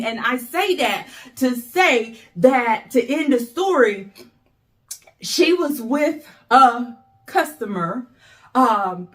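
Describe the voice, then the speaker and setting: A woman motivational speaker giving an earnest, emotional inspirational talk, with preacher-like repetition and slow emphatic exhortations. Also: sits high.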